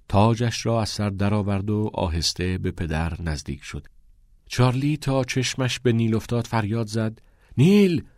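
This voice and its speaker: A man narrating a story in a measured, even storytelling manner. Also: lowish voice, dry recording, clean studio sound.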